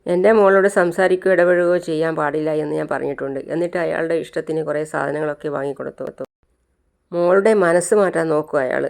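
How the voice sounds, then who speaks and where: The narrator voicing a young mother who is angry and protective, with sharp, defiant retorts in a clear voice. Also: sits low, quick pace.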